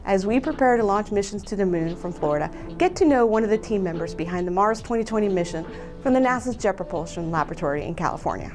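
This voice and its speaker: A woman from Colombia, an aerospace engineer, giving a measured, earnest scripted statement. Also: medium pitch, lively intonation, music in the background.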